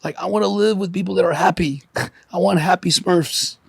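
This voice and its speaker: Gravelly teary man in his forties. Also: high-pitched, fairly even intonation, fairly quick, no echo. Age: 40s. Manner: profane, emotional, candid. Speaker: podcast guest. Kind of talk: candid podcast conversation.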